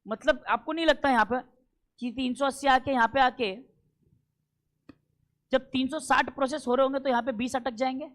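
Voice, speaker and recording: A man teaching a classroom lecture, emphatic and repetitive, often checking that students follow and slowing down for key English terms. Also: extremely high pitch, fairly even intonation, a bit bright. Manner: emphatic, repeats points and keeps checking understanding.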